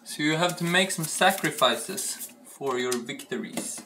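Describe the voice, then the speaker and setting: A man's voice: on the high side, expressive, measured pace, noisy background. Young guy chatting as he bakes, hums and rambles, kinda far from the mic, roomy kitchen sound. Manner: rambling, playful, thinks aloud with hums. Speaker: home cooking vlogger. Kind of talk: casual cooking chat. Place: home kitchen, indoors. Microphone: camera across the room. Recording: echoey room, voice from far off.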